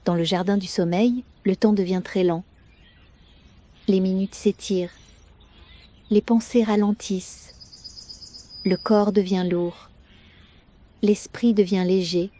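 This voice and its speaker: A woman narrates a guided bedtime sleep story in a soft, gentle, soothing manner, unhurried and with long pauses. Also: medium pitch, steady tone.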